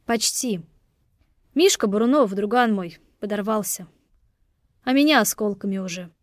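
A woman voicing a calm, steady young man who speaks tersely. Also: mid-range voice, normal speed, dry recording, lightly acted.

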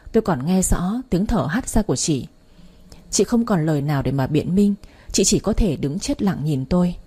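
Woman storyteller, mellow tone, slightly husky, steady dramatic reading. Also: on the low side. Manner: steady dramatic reading, voices quoted lines. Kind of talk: storytelling narration.

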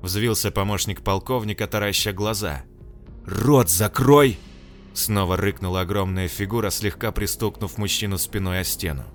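Male narrator, fairly low voice, expressive audiobook reading, soft music behind. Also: fairly quick, hardly any pauses. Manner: expressive reading with acted dialogue.

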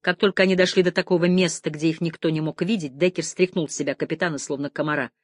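A woman's voice: steady tone, fast talker, no echo, clean studio sound. A woman reading a crime novel aloud as an audiobook narrator, lifting her voice for the heated dialogue. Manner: reads dialogue with rising pitch and force for angry characters.

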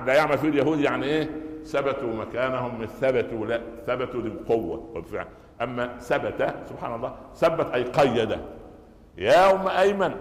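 An Egyptian man with a fairly high voice delivers a Friday sermon at a fast pace, speaking Egyptian Arabic. He tells stories and puts rhetorical questions to the congregation. The hall is echoey, leaving a long reverb on the recording.

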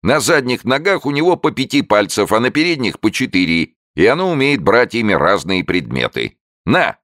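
A hoarse, crowing little fairground barker, put on by a man reading aloud, hawks his act in a pitch far above the reader's own, leaping up and down with animated showy patter. The sound is dry and close. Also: moderate pace, no room sound. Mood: barking. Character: hoarse little male showman, pushy barker.

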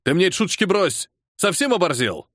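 A man voicing a tired, irritable colonel who heads a security service department, gruff and sarcastic with his subordinate. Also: high-pitched, sing-song, brisk, fairly bright tone, dry recording, studio quality, pitched above the performer's own voice, full character voice. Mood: angry. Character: weary irritable older male colonel, security service chief.

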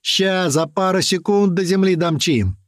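A man voicing Kotleta, a reckless cheerful male fighter who shouts with glee. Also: mid-range voice, sing-song, a little slow, no echo, clean studio sound. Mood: gleeful shouting. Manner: shouting, gleeful.

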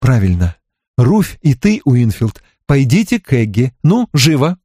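A man's voice: medium pitch, big pitch swings, unhurried, mellow, breathy edge, no echo, clean studio sound. A man reading an audiobook, voicing a tired farm mother who soothes yet stays firm. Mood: soothing, firm.

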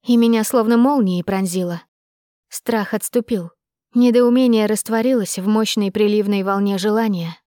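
A woman reading a first-person audiobook with expressive, measured storytelling. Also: medium pitch, no echo, studio quality. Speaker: narrator.

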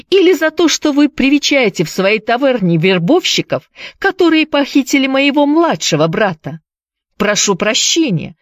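A woman's voice: mid-range voice, no echo, studio quality, pitched above the performer's own voice, lightly acted. A woman voicing a fierce, sarcastic young woman. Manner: sarcastic, demanding.

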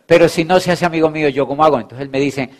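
Rapid-fire and fairly high-pitched, this man delivers a motivational network marketing talk through lively storytelling, teasing in fun and performing both sides of every exchange.

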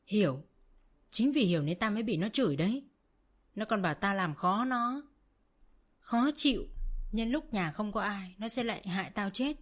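A woman's voice: medium pitch, lively intonation, moderate pace, hardly any pauses, natural voice. A woman voicing a weepy, manipulative older rural mother-in-law who wails and complains theatrically. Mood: wailing. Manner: wailing, theatrical, self-pitying.

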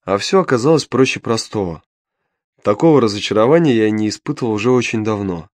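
A man's voice: on the low side, lively intonation, fairly quick, a little mellow, no room sound. A man narrating an audiobook in the first person, with a wry, ironic storytelling manner.

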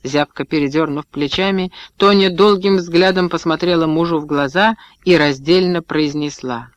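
A man reading a novel aloud in steady, measured narration. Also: on the high side, no echo, muffled recording. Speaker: audiobook reader. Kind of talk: scripted narration.

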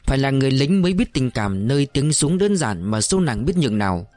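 A man narrating an audiobook in a steady, measured storytelling voice. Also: mid-range voice, no room sound, faint music behind.

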